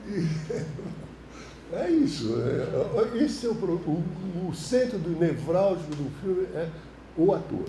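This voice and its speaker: A film director with a Brazilian Portuguese accent lectures a class through loose, slang-filled anecdotes. His voice sits high and swings widely, with a mellow tone. The room around him is roomy and echoey. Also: slow, a little hiss or hum. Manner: animated, colloquial storytelling, frequent slang. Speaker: film director teaching a course. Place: university classroom.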